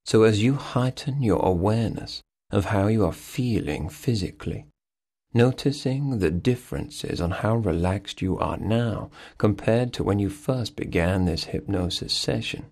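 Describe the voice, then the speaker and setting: A man guiding a hypnosis session, giving soothing, repetitive suggestions to relax deeper. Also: expressive, a little slow, gravelly, a little mellow.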